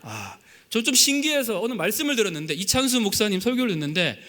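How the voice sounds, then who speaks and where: A man's voice: high-pitched, sing-song, fast, sharp tone. A young adult male pastor with a Gyeongsang accent, preaching a sermon in an earnest way and acting out quotes with humor. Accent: Gyeongsang Korean. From Gyeongsang region, Korea. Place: church sanctuary. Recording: reverberant church sanctuary.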